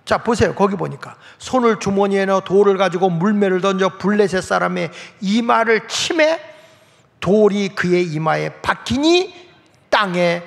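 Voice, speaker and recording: Male pastor, sermon, folksy rhetorical questions, gravelly voice, reverberant church hall. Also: high voice, moderate pace. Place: church sanctuary. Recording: long reverb of a large hall.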